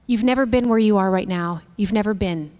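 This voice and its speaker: A woman in her fifties hosting a devotional talk, candid and animated, laughing as she tells stories. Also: medium pitch, fairly quick. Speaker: women's ministry host. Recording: long reverb.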